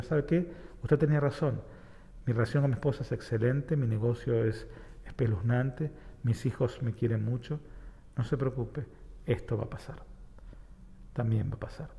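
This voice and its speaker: Argentine rabbi, mellow reflective voice. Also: male voice, medium pitch, normal speed, vocal fry, big-room sound. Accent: Argentine Spanish. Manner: reflective, uses homely examples and parables. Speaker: rabbi, guest. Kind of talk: explanatory talk-show conversation.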